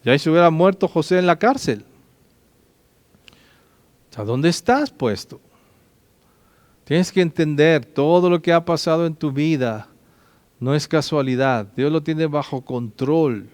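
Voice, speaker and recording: A man's voice: fairly high pitch, a little mellow, no echo. A man preaching a sermon, urging his listeners with direct questions. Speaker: pastor.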